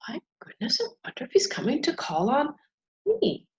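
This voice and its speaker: A woman voicing a shy, contented storybook elephant who does nothing all day, speaking softly. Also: high-pitched, sing-song, normal speed, husky, highs cut off, pitched above the performer's own voice, heavily acted. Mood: shy, gentle.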